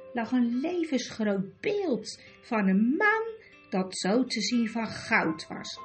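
A woman reading a storybook aloud in an expressive, measured way. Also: a little high. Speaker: audiobook reader.

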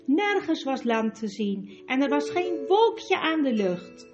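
High-voiced woman reading a storybook. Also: very animated, slow. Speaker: narrator. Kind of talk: storybook narration. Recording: dull recording with music behind.

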